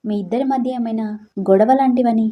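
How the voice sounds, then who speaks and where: A woman voicing a caring, firm middle-aged mother who talks in a calm, reasoning way. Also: on the high side, a little fast, close to an everyday voice.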